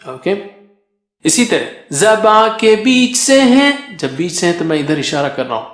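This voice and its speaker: A man's voice: high-pitched, big pitch swings, fairly bright tone. A man teaching Quran recitation, explaining patiently and chanting letter sounds in a sing-song rhythm. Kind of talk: teaching lesson with chanted drills. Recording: echoey room.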